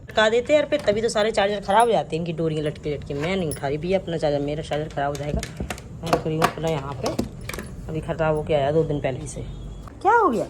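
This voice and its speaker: A woman's voice: low voice, quick pace, darkish tone, a little hiss or hum. A young woman chatting casually to her vlog viewers at home, talking about her day and coaxing her sleepy child. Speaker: vlogger. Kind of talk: casual daily vlog chat. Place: home indoors.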